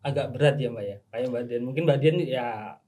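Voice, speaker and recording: A man hosting a casual podcast interview, relaxed and hesitant, with many fillers. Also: medium pitch, normal speed. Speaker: podcast host.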